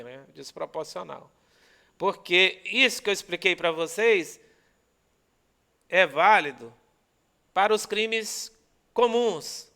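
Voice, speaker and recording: A law teacher with a Brazilian accent and a high, sharp-toned voice gives a recorded lecture. He explains things step by step and checks in with his students often.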